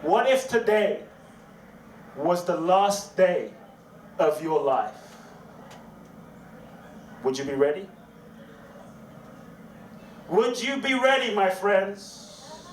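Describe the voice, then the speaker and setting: A man giving an inspirational speech to a live audience, slow and dramatic, repeating his questions and leading call-and-response. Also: sits high. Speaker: inspirational speaker. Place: event hall. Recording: echoey hall, distant mic, faint noise.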